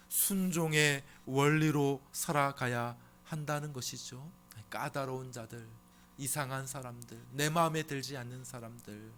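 A man's voice: mid-range voice, a bit bright. A middle-aged man preaching from the pulpit in a mid-range voice. He drives his points home by repeating words and asking rhetorical questions. A faint hum sits under his voice. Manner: emphatic, acts out complaining churchgoers in a raised voice. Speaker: pastor. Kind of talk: sermon. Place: church sanctuary.

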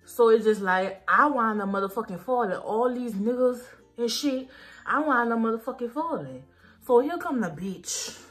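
A woman's voice: a little high, animated, normal speed, a bit bright. A young woman, tipsy and rambling, chatting casually in profane slang and repeating herself as she tells a story. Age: young adult. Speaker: makeup vlogger. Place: small dim room indoors. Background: faint music.

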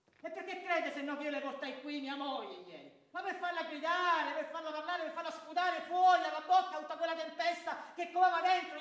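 A man playing Ciampa, bitter wronged clerk. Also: very high-pitched. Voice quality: theatrical, swings from hushed to shouting. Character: wronged middle-aged clerk Ciampa, bitter, proud, desperate. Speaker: amateur stage actor. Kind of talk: stage theatre performance. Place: theatre stage. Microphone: distant room mic. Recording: echoey stage from far off.

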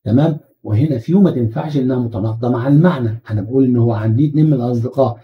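Male English teacher, Egyptian Arabic accent, medium voice, lo-fi recording, animated and full of rhetorical questions. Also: medium pitch, very fast. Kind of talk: exam-prep grammar lesson.

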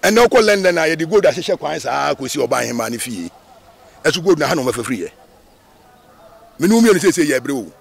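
A man from Ghana, a Rastafarian being interviewed, talking in an animated, emphatic way with many repetitions. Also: a little high, brisk, vocal fry, pauses often, husky. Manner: animated, emphatic, with repetitions and sudden sung phrases. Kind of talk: casual interview talk.

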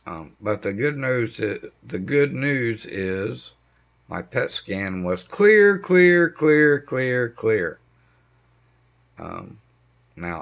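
Slow, low-voiced man with a hoarse, damaged voice. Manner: slow, halting delivery with frequent ums. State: voice hoarse and impaired after throat cancer treatment. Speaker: homestead vlogger. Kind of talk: casual video update. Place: dim living room indoors. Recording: dull lo-fi camera audio.

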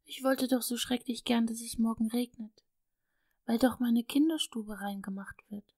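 A timid, remorseful little girl from an old storybook, her voice lifted above the reader's own and faltering as she pleads. A woman acts her out with a slight gravelly edge. The recording is dry and close. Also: a little high, steady tone, normal speed, a little mellow, no echo.

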